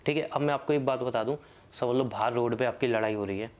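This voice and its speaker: A man's voice: medium pitch, fast talker, darkish tone. A young man hosting a casual advice talk, speaking conversationally and often checking in with "theek hai". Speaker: host.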